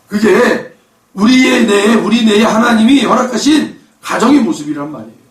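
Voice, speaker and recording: A male pastor preaching a sermon, emphatic, with rhetorical questions and bursts of raised voice. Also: very high-pitched. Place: church sanctuary. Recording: echoey church hall from far off.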